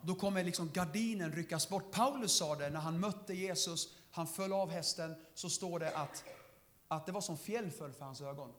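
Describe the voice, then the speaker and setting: A young man giving a lively testimony sermon, laughing often and calling out to the congregation. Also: on the high side. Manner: lively storytelling, laughing often, shouts to the crowd. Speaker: preacher.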